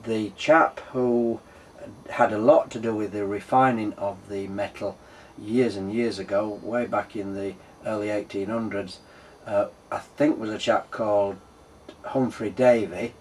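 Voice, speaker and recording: Yorkshire man with a lowish voice. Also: fairly even intonation, unhurried, darkish tone, a little hiss or hum. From Yorkshire, England. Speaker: host of a workshop engineering channel. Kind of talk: casual explanatory tutorial.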